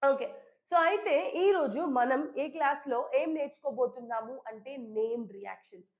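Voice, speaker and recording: Hoarse high-voiced woman teacher. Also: lively intonation, fairly quick. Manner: chatty, keeps checking in with "okay?". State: hoarse, sick throat, coughing. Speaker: chemistry teacher. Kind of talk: live online class, Telugu-English mix.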